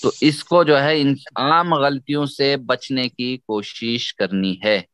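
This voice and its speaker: A man with an Urdu accent teaching a Quran recitation lesson online, slowly and patiently modeling sounds for a student to repeat. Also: mid-range voice, steady tone, fairly bright tone, smooth, no room sound.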